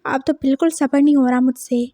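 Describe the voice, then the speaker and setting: A woman's voice: high voice, fairly even intonation, dark tone, dry recording, close to an everyday voice. A woman voicing a clingy flustered young man. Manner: pleading, teasing, quick to get defensive.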